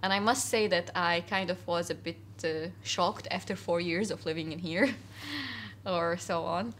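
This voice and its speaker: Sitting indoors at a cafe for a casual interview, a young woman from Syria speaks earnestly, often restarting and using fillers. Her voice is lowish and a bit bright, her pace measured, with a little hiss or hum present.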